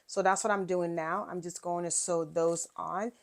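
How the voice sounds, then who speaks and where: A woman with a somewhat low voice talks through a quilting project step by step. Her delivery is loose and chatty, full of fillers and quick check-ins with the viewer. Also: fairly even intonation. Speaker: quilting channel host. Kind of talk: casual sewing tutorial.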